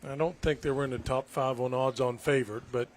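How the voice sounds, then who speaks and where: Man, golf co-commentator, medium pitch, conversational, agreeable. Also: steady tone, fast.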